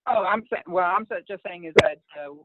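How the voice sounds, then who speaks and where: A woman's voice: lowish voice, very noisy. A woman calls into a work meeting from a cellphone speakerphone. Her voice comes through a thin, tinny phone line, and she hesitates often and fills gaps with "uh" and "um.". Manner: halting, full of fillers. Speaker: meeting participant. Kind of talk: casual work conference call.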